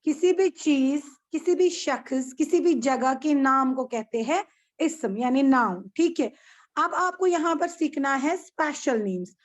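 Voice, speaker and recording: A woman's voice: high-pitched, lively intonation, a little slow. A woman with an Indian accent teaching an online class over a video call, patient and repeating things, asking her pupils checking questions.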